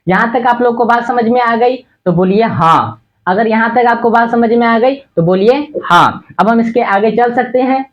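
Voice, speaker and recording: A man teaching a lesson at a board, who asks his own questions, answers them, and spells words out slowly letter by letter. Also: extremely high pitch, dull audio. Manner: repetitive and patient, checks understanding often. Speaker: spoken English teacher.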